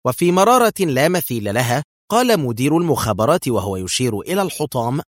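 A man narrating a thriller audiobook in a steady, expressive reading. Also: medium pitch, fast, no echo, clean studio sound.

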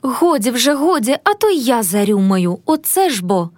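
A doting old grandmother from a storybook, voiced by a woman reading aloud, soothing and coaxing. The voice is lively in pitch. The sound is dry and close. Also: moderate pace, no room sound.

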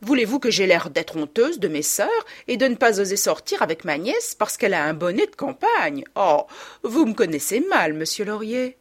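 A shrill, domineering peasant mother, put on by a woman reading an audiobook, scolding at full volume with her voice leaping up and down in indignant swings. The tone stays husky and slightly breathy under the shouting. She keeps taking offense and throwing out wounded questions. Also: wildly swooping pitch, moderate pace, heavily acted.

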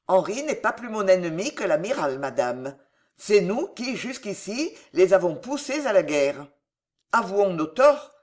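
A woman voicing an impulsive, excitable young king in an audiobook, in a lowered voice full of boyish enthusiasm. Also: a little slow. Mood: eager. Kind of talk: audiobook character reading.

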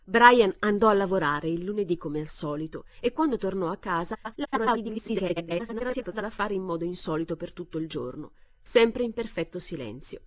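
A woman reading a short story aloud as narrator, in a measured and expressive way. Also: mid-range voice, dry recording. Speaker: reader.

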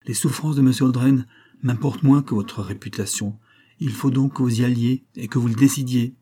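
A man's voice: medium pitch, steady tone, a little fast, warm tone, slightly rough, close to an everyday voice. A man voicing a stern, inflexible young man who speaks firmly and coldly.

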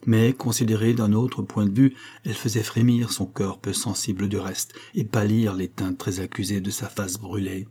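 A man reading a French novel aloud as audiobook narration, measured and even. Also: fairly low pitch, breathy edge. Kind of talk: scripted narration.

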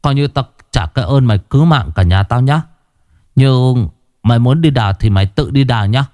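A stubborn older villager speaks gruffly and bluntly, stumbling over his words when scared, as a man voices him. His voice rises and falls in a lively way. It sounds dry and close, part of a told horror story. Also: medium pitch, a little fast, no echo, lightly acted.

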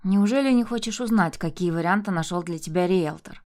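A woman reading an audiobook, voicing a cruel, abusive husband who sneers and shouts insults. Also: on the low side, brisk, close to an everyday voice. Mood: menacing. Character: abusive enraged husband, man, cruel and mocking.

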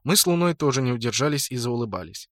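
A man narrating a first-person game adventure audiobook in lively scripted narration. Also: mid-range voice, fast talker, dry recording, studio quality.

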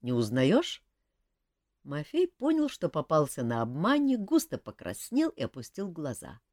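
A woman narrating a fantasy novel aloud, animated and acting out the story. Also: deep voice, normal speed, no echo, clean studio sound. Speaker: audiobook narrator.

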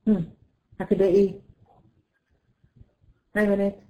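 An Egyptian woman teaching a tajweed lesson online to women students, explaining patiently and demonstrating letter sounds slowly. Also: medium pitch, flat delivery, dull audio. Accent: Egyptian Arabic. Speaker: Quran recitation teacher.

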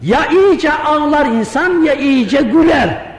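A man doing a gentle, wise old saint. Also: very high-pitched, expressive, slow pace, pitched above the performer's own voice, full character voice. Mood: questioning. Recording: echoey hall reverb.

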